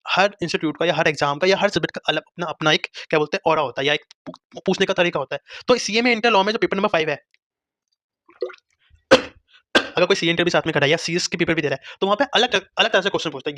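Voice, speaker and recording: A young man giving exam study guidance, talking in rapid, repetitive bursts and coughing often. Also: a little high, sharp tone, no room sound. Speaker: exam tutor. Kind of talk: screen-share study guidance.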